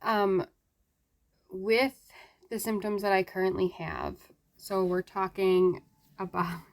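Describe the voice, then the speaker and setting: A woman talking casually to viewers in a health update, weakened after surgery, halting and searching for words with long pauses. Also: medium pitch, expressive. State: weakened after surgery, struggling to form sentences. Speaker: vlogger giving a health update.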